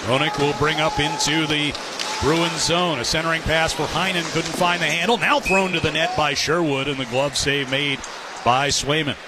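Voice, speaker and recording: A man calls live play-by-play of an ice hockey game for radio from the arena broadcast position. His voice is on the high side with fairly even intonation and a moderate pace, while loud crowd noise fills the background.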